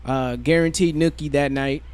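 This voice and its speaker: Laid-back young man, higher voice. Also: steady tone, normal speed, a little mellow, clean tone. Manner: laid-back storyteller, slips into playful impressions. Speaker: podcast co-host. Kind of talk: casual chat.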